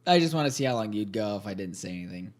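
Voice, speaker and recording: A man's voice: lowish voice, lively intonation, rapid-fire, a little hiss or hum. A man co-hosting a podcast, chatting casually with playful, laughing banter. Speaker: podcast co-host. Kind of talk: casual chat.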